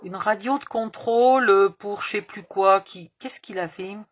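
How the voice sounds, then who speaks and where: A woman's voice: mid-range voice, unhurried. A woman in her fifties hosting a crafting tutorial, chatting casually and rambling through a story with casual swearing. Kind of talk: casual chat while crafting.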